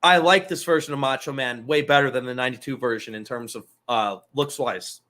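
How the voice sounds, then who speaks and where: A man's voice: medium pitch, brisk, bright, forceful tone. A man hosting a casual wrestling talk show, loose and profane, rambling through asides. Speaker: podcast host.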